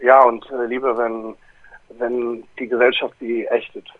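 A middle-aged man, a club owner and rapper, answering interview questions over the phone in a relaxed way, with many hesitations and fillers. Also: mid-range voice, a little slow. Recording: tinny phone line.

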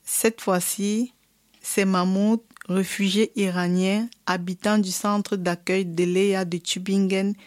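A woman presenting a radio magazine in a clear, announcing way. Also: mid-range voice, little pitch movement, unhurried, no room sound. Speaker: radio host.

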